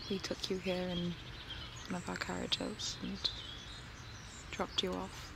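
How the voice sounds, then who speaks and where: A woman in her twenties, an ASMR performer, plays a serene young cult member, whispering softly and slowly close to a binaural mic. Her lowish voice is monotone with vocal fry, and her mood is serene and reverent. She's outdoors among trees, with nature noise and birdsong around her.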